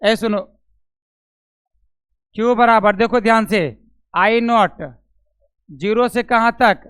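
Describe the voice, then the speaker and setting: A man's voice: high-pitched, steady tone, slow, fairly bright tone, smooth, no room sound. A man teaching physics to a classroom of students, questioning them, repeating each step aloud and calling on them by name, with a Bihari Hindi accent. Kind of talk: classroom lecture.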